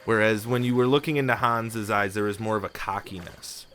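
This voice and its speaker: A man's voice: fairly low pitch, a little fast, fairly bright tone. A man improvising narration as game master of a tabletop game, with music behind him.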